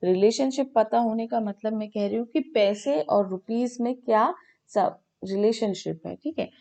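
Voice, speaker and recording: A woman's voice: fairly high pitch, normal speed, gravelly, dark tone. Woman teaching a maths class. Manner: repeats "ठीक है" often, mixes Hindi and English, asks and answers her own questions. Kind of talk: online class lesson. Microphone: video call.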